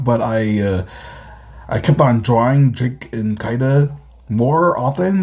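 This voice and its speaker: A man's voice: medium pitch, a little mellow, slightly rough. A man reading through his own webcomics and chatting about them loosely, with lots of fillers and giggles. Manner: rambling, giggly, filler-heavy. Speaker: webcomic creator. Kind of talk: comic reading commentary.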